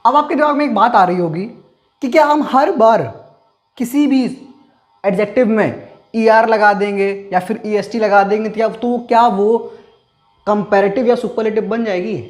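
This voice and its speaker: Man, teacher, online lesson, rhetorical questions, repeats key terms slowly, faint background music. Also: high-pitched. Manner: asks rhetorical questions and answers them himself. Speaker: English grammar teacher.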